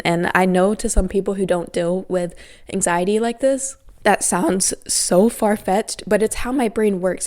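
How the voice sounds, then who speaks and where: A young woman hosting a podcast, talking in a gentle, candid and reflective way about her own anxiety and giving advice. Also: medium pitch. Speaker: podcast host. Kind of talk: personal advice talk.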